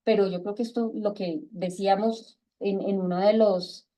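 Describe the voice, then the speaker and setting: Talking casually to her reading group on a video call, this middle-aged Colombian woman speaks at medium pitch and a moderate pace with a Colombian Spanish accent. Lively throughout, she raises her voice to perform bits of dialogue.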